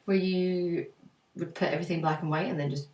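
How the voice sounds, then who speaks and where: A woman's voice: fairly low pitch, steady tone, brisk, darkish tone. A woman co-hosting a casual photo critique, giving her views with many ums and likes. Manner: hesitant, lots of ums and likes. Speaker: co-host. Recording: roomy, mic at a distance.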